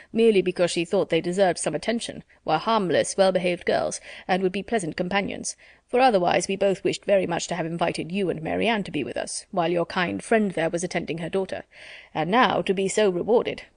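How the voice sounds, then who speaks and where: A woman voicing a pompous, self-satisfied middle-aged gentleman in a storybook reading, measured and formal. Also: fairly low pitch, no room sound, studio quality.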